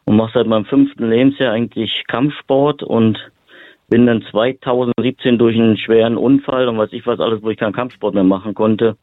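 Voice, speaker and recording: A man's voice: medium pitch, steady tone, a little fast, no echo. A man from Berlin, a boxing therapist and lecturer, talking as an interview guest in loose, run-on sentences full of fillers. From Berlin, Germany. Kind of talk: interview guest, casual explaining. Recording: tinny phone-line audio.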